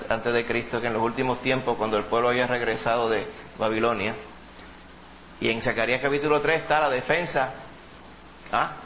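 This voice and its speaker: A man's voice: medium pitch, fairly bright tone, dull audio, a little hiss or hum. A man preaching a sermon in a church, emphatic, repeating words and calling listeners brother. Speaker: pastor.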